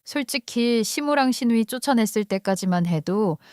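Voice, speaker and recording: A woman's voice: on the high side, lively intonation, normal speed, a little mellow, no echo. Woman in her 40s telling a first-person story, blunt and cool, dry close mic. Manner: blunt, cool, matter-of-fact.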